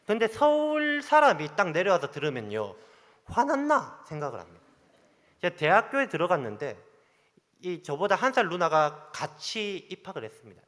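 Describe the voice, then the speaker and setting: A male pastor with a Gyeongsang accent, preaching a sermon and telling stories in an animated way, acting out the dialogue. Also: high voice, brisk. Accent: Gyeongsang Korean. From Gyeongsang region, Korea. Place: church sanctuary. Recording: long church hall reverb.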